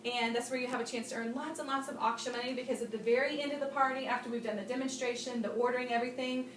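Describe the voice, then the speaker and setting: A woman's voice: on the high side, steady tone, very fast, a little hiss or hum. A woman giving a bubbly, chatty Tupperware party training demonstration to a small group, laughing often. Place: room with guests at a party demo. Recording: roomy sound from a distant mic.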